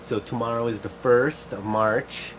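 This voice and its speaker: A man's voice: medium pitch, steady tone, a little slow. Rambling middle-aged man, faint background hum. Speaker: show host. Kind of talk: casual, rambling chat. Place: shed. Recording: faint air-conditioner noise.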